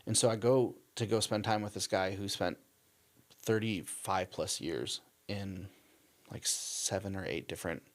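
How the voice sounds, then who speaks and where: A young man, a missionary guest, telling his story in a casual interview, animated and full of "like" and "um". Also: lowish voice, a little slow. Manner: animated storyteller, acts out quotes, frequent "like" and "um".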